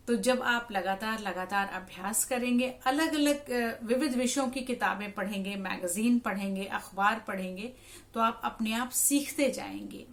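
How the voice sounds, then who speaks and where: A woman who works as a radio jockey, talking to camera in a measured, advisory way and repeating phrases for emphasis. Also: mid-range voice, vocal fry. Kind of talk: instructive talk to camera.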